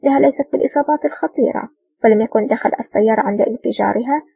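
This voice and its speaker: A woman's voice: on the high side, racing, creaky, warm tone, slightly rough, no echo. A woman reading the part of a courteous, formal older male ambassador, from a dull, distant recording.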